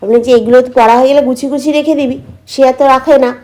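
Quick-talking woman vlogger, dark-toned. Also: sits high, fairly even intonation. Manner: chatty, explaining daily routine to viewers. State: slight cold, throat a bit hoarse. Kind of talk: casual chat to viewers.

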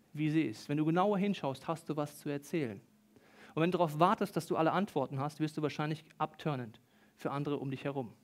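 High-voiced animated preacher. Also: male voice. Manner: animated, acts out quoted voices, talks directly to the congregation. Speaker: pastor. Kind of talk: lively sermon with Bible reading. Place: church service hall with an audience. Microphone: stage microphone.

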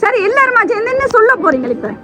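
A woman's voice: very high voice, big pitch swings, fast, fairly bright tone, faint music behind. A woman with a Sri Lankan Tamil accent, presenting a surprise delivery and teasing a family with coaxing questions. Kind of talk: lively on-the-spot chat with a family.

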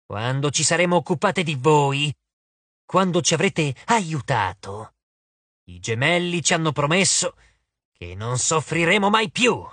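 A man voicing an ancient, bitter female water nymph who speaks slowly and menacingly in an audiobook. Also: fairly high pitch, sing-song, fairly bright tone, dry recording, heavily acted. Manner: slow, menacing, honeyed. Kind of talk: audiobook character voice. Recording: dry close studio sound.

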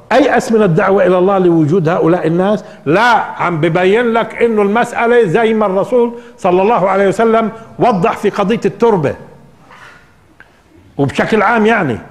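A man's voice: sits high, long reverb tail. An older man with a Levantine Arabic accent teaching a spoken Quran interpretation lesson, asking rhetorical questions and repeating key phrases for emphasis. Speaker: Islamic preacher and teacher.

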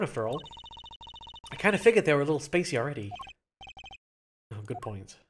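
A let's play gamer reading game dialogue aloud and commenting on the playthrough, playful and jumping into higher character voices. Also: slight background noise.

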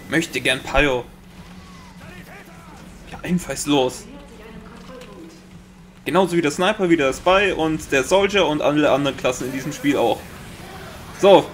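Excitable Bavarian gaming commentator, man. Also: on the high side, slight background noise. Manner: excitable, swears often, makes sound-effect noises. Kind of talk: Let's Play commentary.

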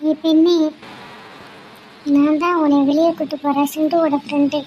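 A woman's voice: high voice, flat delivery, normal speed, dark tone, lo-fi sound, natural voice. A woman voicing a sly man who coaxes a girl to trust him in a magic fort story, in a noisy recording. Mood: coaxing. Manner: coaxing, insistent. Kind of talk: storybook voice acting.

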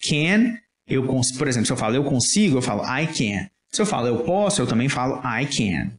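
A man's voice: mid-range voice, very animated, a little fast. A man with a Brazilian Portuguese accent, teaching English in a casual lesson and patiently checking that listeners follow. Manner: explains patiently, checks understanding often with "tá?". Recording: roomy echo.

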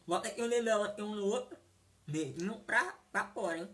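A woman's voice: medium pitch, fairly quick. A woman teaching sign language vocabulary, saying each word and repeating it, often checking whether the class has understood.

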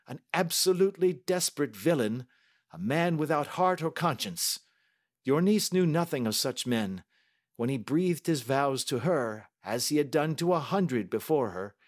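Man doing a stern calm detective, measured and sure of himself, slightly high voice. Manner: measured and authoritative. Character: calm, stern, self-assured male detective.

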